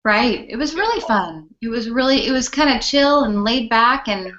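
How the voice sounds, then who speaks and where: A woman chatting casually as a guest on a live online show, with a relaxed, talkative manner. Her voice is fairly high. The audio sounds dull and lo-fi. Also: moderate pace. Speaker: guest co-host. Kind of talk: casual chat.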